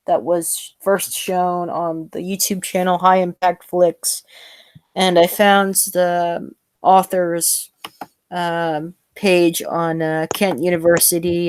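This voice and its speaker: A woman hosting a casual podcast chat, talking with many pauses, fillers and restarts. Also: lowish voice, a little mellow, clean tone, no room sound. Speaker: podcast host.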